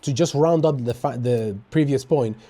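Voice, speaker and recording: A man's voice: mid-range voice, normal speed, dark tone. A man, chatting casually as a guest, emphatic and often repeating himself. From Latin America, Dominican Republic. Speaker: interview guest. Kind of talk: casual chat.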